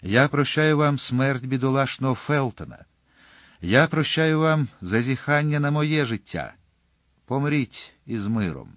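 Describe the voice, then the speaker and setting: Formal, aggrieved storybook lord, slightly higher pitch, read by a man, dry close sound. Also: lively intonation, measured pace, a bit bright, no room sound. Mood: grave.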